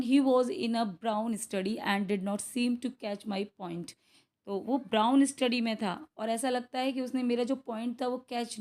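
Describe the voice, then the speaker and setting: A young adult woman with an Indian accent teaching English for an exam, explaining in Hindi mixed with English, reading each question out slowly and checking in with students often. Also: on the high side, a little mellow. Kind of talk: exam-prep lesson going through practice questions.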